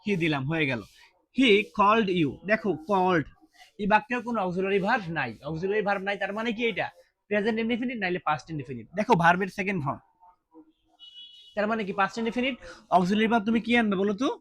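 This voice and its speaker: A man's voice: sits high, lively intonation, fast, a bit bright. A man teaching an English grammar lesson, quizzing listeners with repeated questions and a colloquial, brotherly way of speaking. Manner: drills with repeated quiz questions to students.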